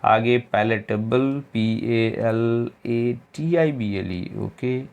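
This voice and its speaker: A man's voice: mid-range voice, extremely slow, creaky, darkish tone. A man teaching English spelling for exam preparation, spelling each word out letter by letter with informal asides. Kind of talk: exam-prep spelling lecture.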